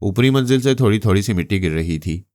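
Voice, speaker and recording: Deep-voiced male storyteller. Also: dry recording, clean studio sound. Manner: steady, measured storytelling. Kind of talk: audiobook novel narration.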